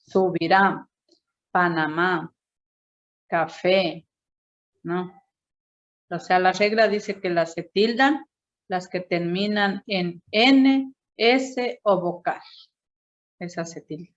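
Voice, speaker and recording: A woman teacher explaining a grammar point slowly to a class, checking in with "no?" after each point. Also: medium pitch, dull audio. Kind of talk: classroom teaching, correcting a student presentation.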